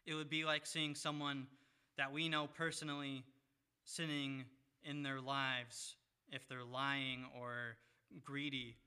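Bright, smooth-voiced male preacher. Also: mid-range voice, flat delivery. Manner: measured, reads scripture aloud with pauses. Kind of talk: sermon.

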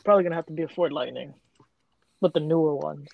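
A man in a casual podcast chat, teasing friends with quick short interjections. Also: a little high, vocal fry, no room sound, lo-fi sound.

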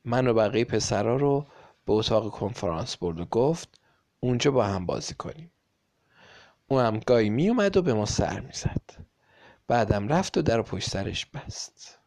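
Guy with a gravelly voice reading a kids' book, playful dramatic delivery. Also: mid-range voice, lively intonation, darkish tone. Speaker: storyteller. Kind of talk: reading a children's story aloud.

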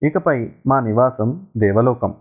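A man's voice: mid-range voice, expressive, creaky. A man playing a smug magic son-in-law. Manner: chanting spells slowly and loudly. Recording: tinny phone-like sound.

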